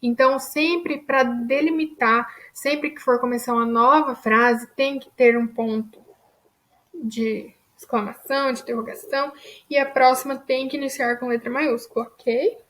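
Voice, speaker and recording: A woman's voice: high-pitched, steady tone, unhurried, fairly bright tone. A woman teaching a grammar lesson, explaining patiently and checking in with her students after each point.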